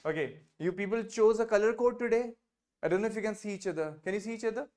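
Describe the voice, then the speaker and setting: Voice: mid-range voice, darkish tone. A French teacher with an Indian English accent leading an online class over a video call, mixing English, Hindi and French and repeating phrases patiently. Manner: patient, drills phrases by repeating them slowly.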